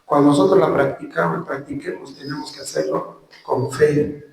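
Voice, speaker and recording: A man with a Mexican Spanish accent preaching a sermon and telling a personal testimony, slow and emphatic. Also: a little high, steady tone, creaky, a little mellow. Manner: earnest storytelling, slow emphatic phrases. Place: church hall. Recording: very echoey hall, from far off.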